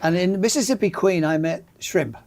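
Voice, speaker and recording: A man's voice: high voice, normal speed, darkish tone. Genial older Englishman telling stories. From England. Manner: genial storyteller, dry humor. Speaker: guest, magazine founder and journalist. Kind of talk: casual interview chat. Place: studio.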